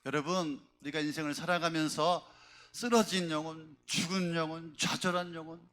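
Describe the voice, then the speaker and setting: A middle-aged man preaching a sermon in a fairly high voice. He speaks with passion and keeps turning to his congregation with rhetorical questions. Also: steady tone, moderate pace, a bit bright. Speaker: pastor.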